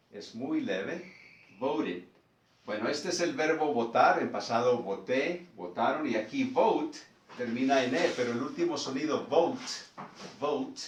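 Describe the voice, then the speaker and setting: A man gives a lesson at a very slow, deliberate pace, saying practice words over and over. His voice sits at an ordinary pitch. He is recorded from some distance in a room with noticeable echo. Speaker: English teacher. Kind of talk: explaining a lesson.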